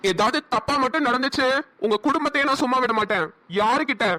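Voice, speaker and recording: A woman's voice: high voice, fast talker, pushed and bright. A woman with a Namakkal Tamil accent voicing an arrogant young male police officer who talks with scorn and threats in a cartoon. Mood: contemptuous. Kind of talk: cartoon voice acting.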